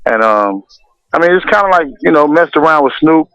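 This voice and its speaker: A man from Los Angeles, a music producer as guest, speaking candidly and unhurried with restarts. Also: on the high side, animated, a bit bright, smooth, no echo. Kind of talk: casual interview. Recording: dull lo-fi radio sound.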